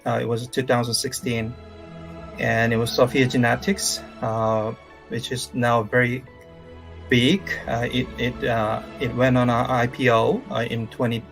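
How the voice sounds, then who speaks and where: A man in his thirties from South Korea, speaking English with a Korean accent as a career coach giving a live-streamed lecture, halting with many fillers and restarts. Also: mid-range voice, flat delivery, creaky, fairly bright tone, soft background music.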